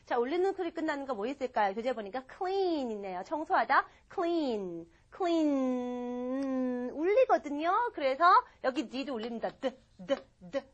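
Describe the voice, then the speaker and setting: Woman, English teacher, high pitch, patient and repetitive, models sentences and sounds. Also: a bit bright, lo-fi sound. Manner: patient, explains slowly and repeats example sentences; models sounds with short whispered consonants. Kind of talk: recorded English grammar lecture.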